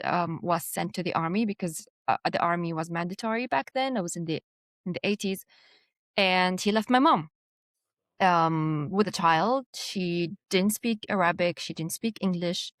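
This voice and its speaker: A woman's voice: on the low side, no room sound. A woman from Jordan, a design executive, telling her life story in an interview, reflective and hesitant, with many fillers and restarts.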